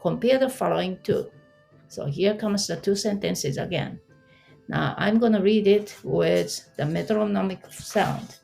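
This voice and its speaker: A woman's voice: medium pitch, measured pace, gravelly, dark tone, soft background music. A woman teaching an online language lesson, explaining patiently and asking the listener questions.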